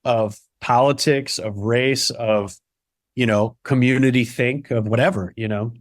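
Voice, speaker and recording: A man from the Chicago area, a playwright and solo performer, chatting in an interview in a quick, animated way with lots of restarts. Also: medium pitch, dry recording, studio quality. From Chicago area (Barrington). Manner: animated, quick, many restarts and "you know"s. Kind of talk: casual interview conversation.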